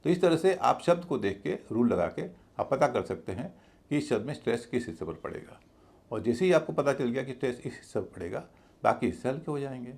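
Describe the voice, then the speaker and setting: A man's voice: mid-range voice, creaky, a little mellow. A man teaching an English pronunciation lesson, patiently spelling words out letter by letter. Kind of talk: spoken lesson explaining pronunciation.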